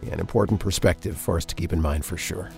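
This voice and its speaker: A man hosting a faith podcast, reading an earnest, measured segment introduction close to the mic. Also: low voice, gravelly, darkish tone, faint music behind. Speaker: podcast host.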